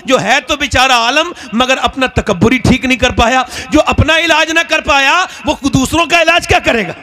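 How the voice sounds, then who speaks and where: Man, high voice, preacher, animated storytelling sermon. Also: moderate pace.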